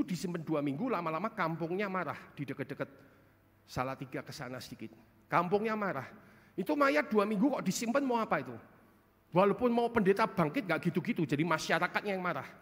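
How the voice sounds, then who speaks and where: A male pastor preaching a sermon in a church hall, animated storytelling and acting out quotes. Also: sits high. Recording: long church hall reverb.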